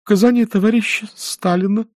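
A man voicing a gentle, bewildered middle-aged wife who talks softly and patiently. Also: high-pitched, steady tone, a little fast, no room sound, clean studio sound, voice pushed up, natural voice. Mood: reading aloud. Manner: soft, soothing, patient.

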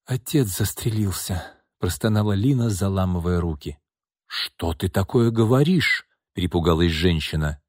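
A man narrates an audiobook in a low, steady voice with measured pacing. The recording is dry and close, with no room sound. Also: no echo. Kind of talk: scripted narration.

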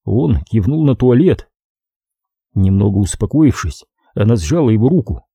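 Give me a man narrating a crime audiobook with a dark, mellow tone. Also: fairly low pitch, animated, moderate pace, creaky, husky, no room sound, clean studio sound. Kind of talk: scripted narration.

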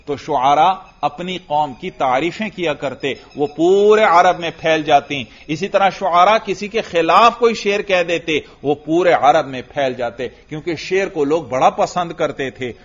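A man giving a classroom lecture on Arabic grammar as a religious teacher, chanting verses slowly and putting questions to his students. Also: fairly high pitch, fairly bright tone. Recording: dull lo-fi lecture recording.

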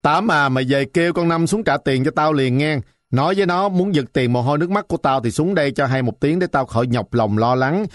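A man voicing a shrill, sour-tongued old woman who bullies a village market, scolding and threatening. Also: brisk, hardly any pauses, no room sound, clean studio sound, close to an everyday voice.

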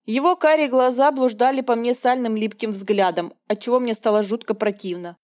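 A woman's voice: fairly high pitch, a little fast, a little mellow, no room sound, studio quality. A woman narrating a romance audiobook in the first person with a tense, emotional reading.

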